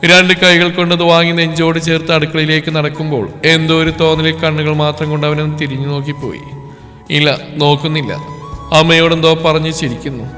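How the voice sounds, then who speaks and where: A man narrating a scripted story in a steady, even storytelling delivery. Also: on the high side, quick pace, hardly any pauses. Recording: long reverb with background music.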